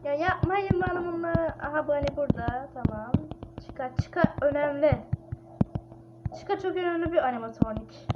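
Jumpy high-voiced woman gaming. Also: a little fast. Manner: jumpy, panicky, exclaiming. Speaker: gamer. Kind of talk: casual let's-play commentary. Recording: dull lo-fi mic with clear hiss.

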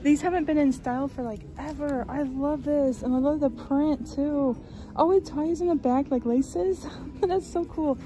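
A woman's voice: high voice, unhurried, warm tone. A woman narrating a casual shop-with-me vlog on her phone, chatty and gushing, with lots of likes and ums. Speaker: shopping vlogger. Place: large retail store, indoors.

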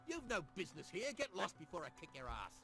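A man's voice: sits high, wildly swooping pitch, fast, bright, forceful tone, heavily acted. An actor playing a hostile male bandit soldier who snarls threats, heard as game audio. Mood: menacing. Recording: game audio under clear music.

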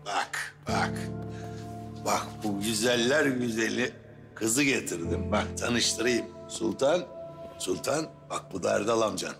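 A man's voice: on the low side, slow, vocal fry, music in the background. An actor playing a young street hustler, coaxing and pleading with an older man to strike a deal. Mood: wheedling.

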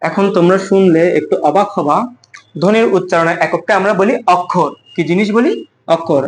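A young man teaching a lecture, asking questions and answering them himself. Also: high voice. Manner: repeats key words slowly for emphasis. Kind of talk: classroom lecture.

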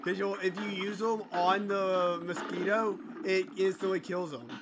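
A man hosting a let's play, casually coaching his co-player with quick instructions. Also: sits high, fairly even intonation, music in the background. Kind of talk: casual gameplay commentary.

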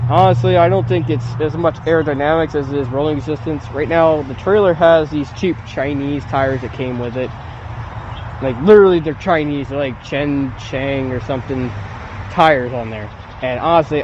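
A man in his thirties, a velomobile vlogger, talks casually to a camera on a lawn beside a building, rambling plainly about a bike ride in a sort of review. His voice is fairly high in pitch, and the recording is muffled with background noise.

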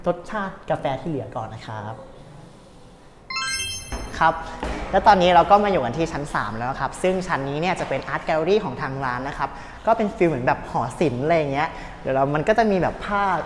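A man's voice: on the high side, expressive, a little fast, faint music behind. A young man hosting a casual cafe tour vlog, talking in an upbeat, polite tour-guide way on a clip-on mic indoors. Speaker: host. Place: indoor cafe in an old shophouse. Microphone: clip-on lapel mic.

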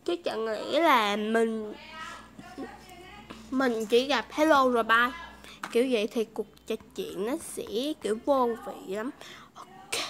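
A woman from Vietnam hosts a casual lesson and repeats each phrase so listeners can copy it. Her talk is chatty and friendly in tone. Her voice sits high and sounds bright, with a faint hiss behind it. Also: slow. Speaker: English teacher, video host.

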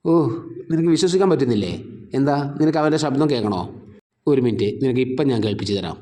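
A man's voice: mid-range voice, expressive, fast, mellow, close to an everyday voice. A man voicing a cruel, mocking male villain in a retold serial story, threatening and sneering.

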